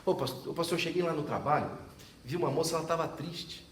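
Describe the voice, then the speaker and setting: A pastor preaches at a church service, telling a story and acting out both sides of a conversation, laughing now and then. His voice sits a little high for a man. He sounds distant, with the reverb of a large church and a faint hum in the background. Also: fast talker. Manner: storytelling, acts out dialogue, laughs often. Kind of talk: sermon.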